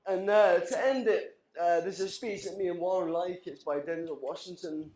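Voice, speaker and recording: In a reverberant reception hall, a thirtysomething best man who's had a few drinks delivers a rambling, emotional wedding speech, chuckling between lines. He speaks at normal speed in a high-pitched, darkish voice.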